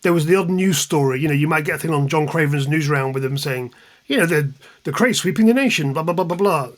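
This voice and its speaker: A man in his fifties from England's East Midlands, a music journalist and author, is an interview guest reminiscing casually. He talks fast at a fairly high pitch, with an English accent, chatting anecdotally and with self-deprecation.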